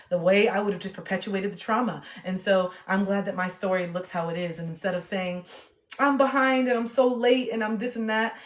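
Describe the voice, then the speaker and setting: A woman in her late thirties, a livestreamer chatting casually and animatedly with her viewers. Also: on the low side. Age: 30s. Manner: chatty, animated, reacts to chat. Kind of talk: casual chat to a live chat. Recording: echoey room.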